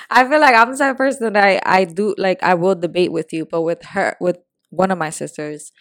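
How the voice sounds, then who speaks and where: A young woman from Puerto Rico and the Dominican Republic talks in a candid, slangy, easygoing way as a podcast co-host. Her voice sits a bit low. The sound is close and dry, with no room around it. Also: fairly bright tone, no echo. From born in Puerto Rico, raised in the Dominican Republic. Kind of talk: casual chat.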